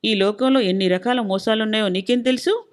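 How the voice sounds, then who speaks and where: A woman's voice: a little high, fairly quick, close to an everyday voice. A woman voicing a stubborn middle-aged husband who lectures and scolds in an insistent, suspicious way. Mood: insistent lecturing.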